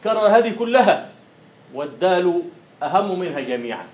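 A man's voice: sits high, big pitch swings, fairly quick. Man lecturing in an echoey classroom. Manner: questions students and chants rhythm syllables. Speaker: university lecturer. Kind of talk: classroom lecture on poetic meter. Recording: roomy classroom echo.

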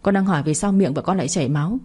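A woman's voice: on the low side, very fast, warm tone, breathy edge. A woman voicing a worried young husband who speaks urgently. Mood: upset. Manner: urgent, upset.

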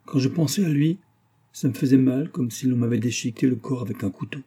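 A man reading a classic novel aloud as narrator, expressive and giving characters their own voices. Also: mid-range voice, fairly quick, breathy edge. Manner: expressive, reads dialogue with voices. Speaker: audiobook reader.

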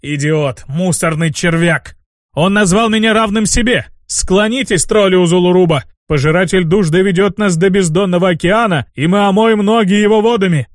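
A man's voice: a little high, a little fast, hardly any pauses, dry recording, studio quality, lightly acted. A man voicing a wily, fawning troll chieftain who speaks in a reverent, ceremonious way. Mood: exalted.

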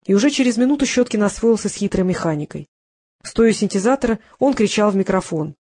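An audiobook narrator reading a crime thriller in an even storytelling delivery. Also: mid-range voice, quick pace. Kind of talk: scripted narration.

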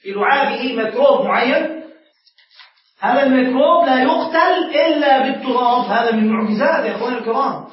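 High-voiced sheikh lecturing, echoey room. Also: male voice, a little hiss or hum. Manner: animated, asks the class questions and answers them himself. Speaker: sheikh teaching a class. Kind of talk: classroom lecture. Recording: echoey room, far from the mic, dull lo-fi.

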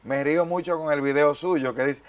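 A man's voice: a little high, steady tone, moderate pace. A man hosting a television interview on a faith program, speaking formally with thanks and greetings.

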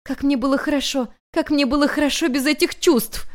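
A woman's voice: high voice, fairly even intonation, a little fast, voice pushed up, lightly acted. A woman voicing a young female goddess student, impulsive and stormy, crying out in pleading outbursts. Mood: distraught.

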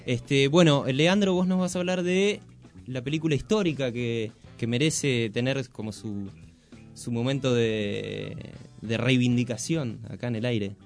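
An Argentine man hosting a radio show, teasing his guest with quick jokes and short reactions. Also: mid-range voice, faint music behind. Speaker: radio host. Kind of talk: casual radio chat.

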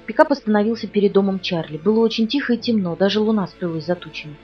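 A woman narrates an audiobook in the first person and reads briskly at a middling pitch. The recording sounds dull and lo-fi. It is taken from a distance, with music playing softly underneath. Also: animated, slightly rough.

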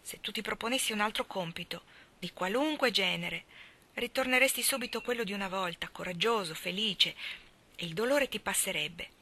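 A woman's voice: medium pitch, normal speed, sharp tone. Woman reading as an earnest lecturing young woman. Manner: sure, preaching tone.

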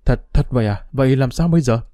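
A man's voice: mid-range voice, fast, warm tone, dry recording, clean studio sound, close to an everyday voice. A man voicing a stubborn, domineering older mother who scolds her daughter with contempt, in a storybook reading. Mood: alarmed.

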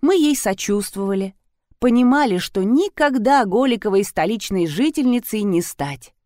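A woman's voice: medium pitch, animated, moderate pace, warm tone, dry recording, lightly acted. A woman voicing an older woman confidently recounting a neighbor's story in an audiobook.

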